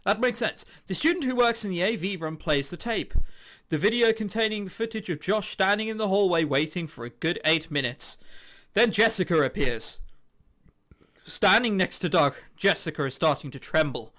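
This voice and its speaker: A lively, high-voiced man hosts a game stream at a moderate pace, commenting while reading a visual novel aloud. He lets out incredulous, jokey exclamations as game background music plays behind him.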